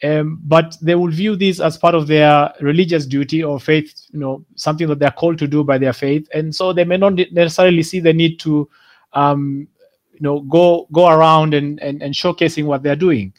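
A man's voice: fairly high pitch, fairly even intonation, moderate pace. A man from Kenya speaking reflectively, with many fillers and restarts. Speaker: guest speaker. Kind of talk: reflective talk.

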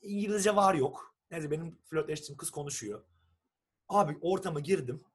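A young man from Turkey, telling a long story in a casual, animated chat and acting out what people said. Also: a little high, moderate pace, husky. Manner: animated storyteller who acts out quoted texts and swears casually.

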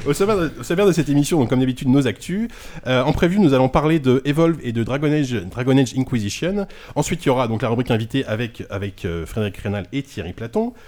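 Fast-talking podcast host, man. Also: mid-range voice, darkish tone. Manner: fast, rambling with many restarts and fillers. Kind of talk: casual group podcast chat.

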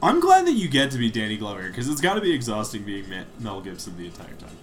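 Teasing man with a lively voice. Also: fairly low pitch, quick pace, a little hiss or hum. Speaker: podcast co-host. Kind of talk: casual podcast banter.

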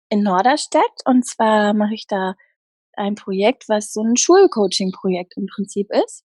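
A woman working as a happiness coach, talking earnestly in an interview with many pauses and restarts. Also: medium pitch, a little mellow, breathy edge, no echo. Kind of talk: casual interview talk.

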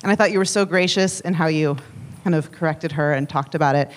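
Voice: medium pitch, fast talker. An audience member asking a rambling, hesitant question, with fillers.

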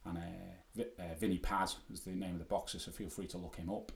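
A man's voice: deep voice, fairly even intonation, fast talker, echoey room. A man with a Manx accent from the Isle of Man, hosting a sports podcast in a conversational style. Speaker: podcast host. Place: podcast studio.

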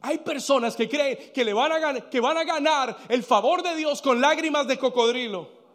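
A man pastor preaching a sermon, swinging from hushed lines to shouting, dropping in English phrases. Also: very high voice, moderate pace. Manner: switches between Spanish and English phrases. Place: church sanctuary. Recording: long hall reverb.

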